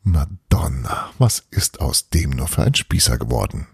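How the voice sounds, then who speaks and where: Brief: a flighty, scheming old witch mother, sly and teasing, husky, voiced by a man. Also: very deep voice, big pitch swings, a little slow, dry recording, clean studio sound, voice pushed down, exaggerated voice. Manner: sly, teasing, sprinkles Italian words.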